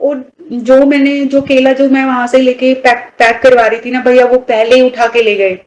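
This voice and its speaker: A woman's voice: sits high, level tone, normal speed, a little mellow, low-quality recording. A woman telling a personal story in casual conversation, rambling and restarting as she goes and often addressing the listener as brother. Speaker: devotee guest sharing a personal story.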